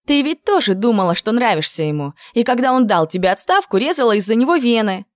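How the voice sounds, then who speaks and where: A woman's voice: on the high side, big pitch swings, fast talker, dry recording, clean studio sound, voice pushed up. A woman voicing a young, dreamy and gossipy girl, raising her voice into lilting exclamations. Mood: exclaiming.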